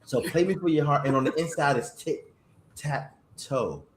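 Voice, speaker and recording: A man hosting a casual chat, animated and playful, reading greeting-card lines aloud, with a slight cough. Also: on the high side, moderate pace, roomy sound, slight background noise. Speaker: podcast host.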